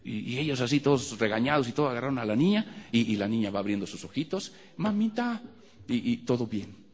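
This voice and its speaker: A man's voice: mid-range voice, animated, fast talker. A male preacher telling a personal testimony to his congregation, in a storytelling manner with repeated words and fillers. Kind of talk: sermon testimony. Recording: long hall reverb.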